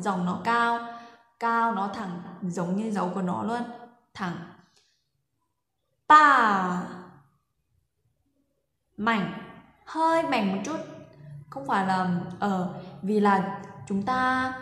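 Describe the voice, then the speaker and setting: A woman's voice: medium pitch, slow pace, bright, forceful tone. A woman language teacher giving a pronunciation lesson, patiently saying each example syllable three times for learners to repeat. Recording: echoey room with long reverb.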